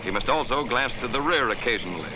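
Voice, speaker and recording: An American narrator talks fast and animatedly at medium pitch, barking clipped instructions for a 1940s military film. Background noise runs under the dull, band-limited period soundtrack.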